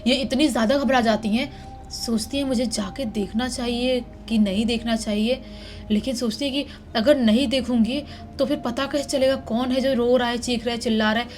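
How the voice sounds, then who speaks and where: A woman's voice: fairly high pitch, steady tone, moderate pace, a little mellow, faint music behind. A woman narrating a horror story in a dramatic, suspense-building way.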